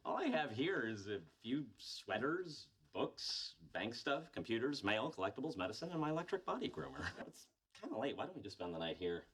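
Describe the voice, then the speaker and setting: A man's voice: medium pitch, big pitch swings, fairly quick, a bit bright. An actor playing an evasive mama's-boy husband in a sitcom, jokey and wheedling. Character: evasive mama's-boy husband clinging to his childhood home. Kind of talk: sitcom acting. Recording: faintly noisy TV sitcom clip.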